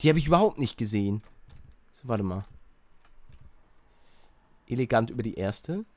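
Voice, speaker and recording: A young man doing excitable Let's Play commentary, yelping at failures and mixing in English slang. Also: medium pitch, normal speed, no room sound. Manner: excitable, shouts and yelps at failures; mixes English slang into his talk. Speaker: gaming YouTuber.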